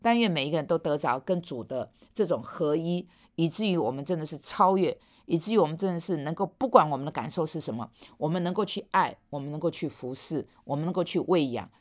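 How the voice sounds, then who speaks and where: A woman preacher giving a sermon, earnest and pressing her listeners with pointed rhetorical questions, sometimes dropping to a soft, quiet voice. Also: sits low, expressive, fast talker, few pauses.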